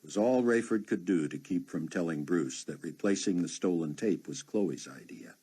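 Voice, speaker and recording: A man narrating an audiobook in an expressive, measured way. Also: sits low, slightly rough.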